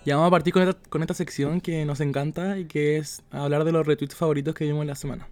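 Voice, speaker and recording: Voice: medium pitch, flat delivery, quick pace, a little mellow, faint music behind. A young Chilean podcast host who laughs often and keeps the show moving in casual chat. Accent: Chilean Spanish. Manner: laughing, moves the show along.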